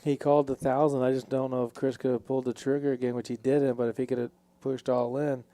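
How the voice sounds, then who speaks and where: A man's voice: mid-range voice, level tone, fast talker, dark tone. A man hosting and giving casual live commentary on a poker game.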